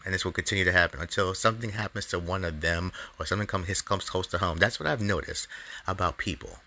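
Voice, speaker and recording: Low voiced guy going off on a heated rant, sharp forceful tone, lots of swearing. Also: quick pace, creaky. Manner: heated, ranting, profane. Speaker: comedian podcast host. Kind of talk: angry opinion monologue.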